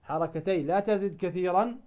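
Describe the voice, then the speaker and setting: A man teaching recitation rules who poses questions and then answers them, now and then chanting verses slowly. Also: sits high, narrow, tinny audio. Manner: asks the listener a question, then answers it himself. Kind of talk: tajweed lesson.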